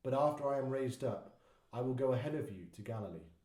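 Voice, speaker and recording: Solemn Jesus read by a man: measured, dark-toned, echoey. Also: mid-range voice, expressive, natural voice. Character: Jesus, solemn grown male teacher. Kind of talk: dramatised Bible reading. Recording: echoey room.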